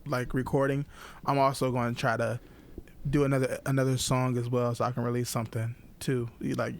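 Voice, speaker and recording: A young man co-hosting a podcast, talking casually and haltingly with frequent restarts and laughs. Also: mid-range voice, level tone, gravelly. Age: young adult. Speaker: podcast co-host. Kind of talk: casual chat.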